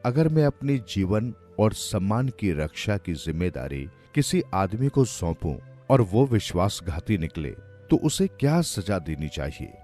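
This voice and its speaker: A calm, wise old king asks measured questions in a cartoon story, voiced by a male narrator. The voice sits low and moves freely, with faint music behind. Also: exaggerated voice. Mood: questioning.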